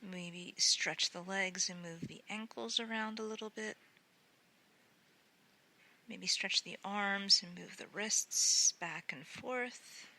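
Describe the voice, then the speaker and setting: With a mid-range voice, a female meditation guide takes listeners through a sleep meditation. She's unhurried, gentle, and soothing, often easing down into breathy near-whispers.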